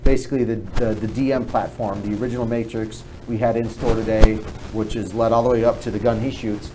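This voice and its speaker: A man co-hosting a casual livestream, upbeat and talking in quick bursts. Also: fairly low pitch, little pitch movement, noisy background. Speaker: livestream co-host.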